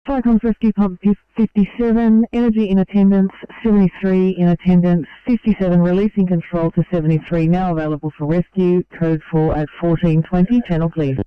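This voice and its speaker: A man working as an emergency communications dispatcher, relaying calls in polite, crisp radio procedure. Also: sits high, level tone, a little fast, hardly any pauses, no echo. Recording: tinny scanner radio line.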